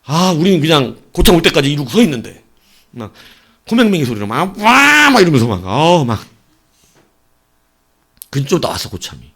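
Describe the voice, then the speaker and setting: A man preaching an evening sermon as pastor, telling a personal story with sudden swings between loud and hushed delivery. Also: on the high side, big pitch swings, fairly quick, long pauses, breathy edge. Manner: acts out voices of people in his story.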